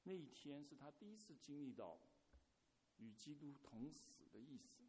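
A man's voice: a little high, very animated, moderate pace, dark tone, in a large hall, a little hiss or hum. A man preaching a sermon, telling a story and putting questions straight to his congregation. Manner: asks the congregation questions directly.

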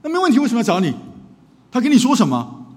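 A man voicing a harsh, contemptuous father around seventy who scolds loudly in a raised, high voice, with long hall reverb. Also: huge pitch swings, rapid-fire, exaggerated voice. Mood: angry demanding. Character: harsh angry father in his sixties or seventies.

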